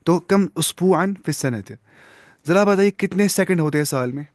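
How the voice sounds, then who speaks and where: A man with a high-pitched but darkish voice teaches an Arabic lesson in classroom style, patiently quizzing students and praising their answers. He mixes English words into his explanations. The sound is studio quality with no echo.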